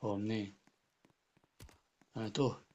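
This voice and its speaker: Here a gaming YouTuber with an Egyptian Arabic accent gets excited over his Let's Play, repeating words as he goes. He speaks at normal speed in a lowish voice, and the recording's highs are cut off.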